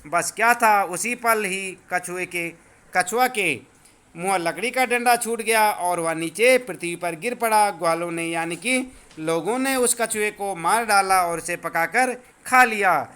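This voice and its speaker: A male teacher explaining a school lesson to children, patiently repeating words slowly so they learn the pronunciation. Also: high-pitched, sharp tone, clear, resonant tone.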